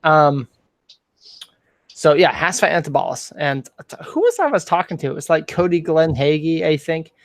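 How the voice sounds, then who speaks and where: A man with a fairly high voice hosts a loose chat over a video call. He rambles, restarts and fills gaps with ums. The sound is very dry and close. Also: animated, moderate pace, no room sound. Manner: rambling, many fillers and restarts. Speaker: podcast host. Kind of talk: casual chat.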